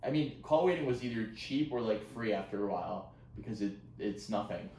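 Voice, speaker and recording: A man with a fairly low voice trades crude, wry jokes in casual podcast chat. He sits a little back from the mic in an echoey room, with a faint ambient hum behind him. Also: expressive, fairly quick, a little mellow, far from the mic. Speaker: podcast co-host.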